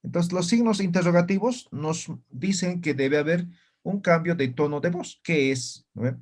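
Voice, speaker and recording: A man teaching an online language class, speaking slowly and patiently and often checking that students follow. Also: on the high side, darkish tone. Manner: slow, patient, keeps checking students understand.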